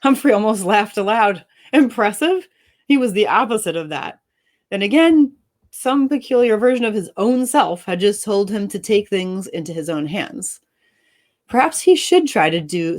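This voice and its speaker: A woman author reading her own story aloud and then chatting with her co-host, expressive and upbeat and quick to laugh. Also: mid-range voice. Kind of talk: dramatic story reading and casual chat.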